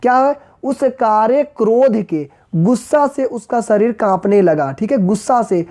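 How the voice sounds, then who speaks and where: Mellow-voiced woman teaching grammar online. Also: on the high side. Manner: explains patiently, reads verses slowly aloud, addresses viewers as friends.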